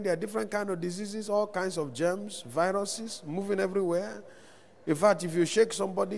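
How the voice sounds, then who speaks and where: A man's voice: high-pitched, gravelly. A man preaching a sermon as pastor, calling out to the congregation between scripture readings, recorded live in a large church hall. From Nigeria. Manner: preaching with rising calls to the congregation. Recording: long hall reverb.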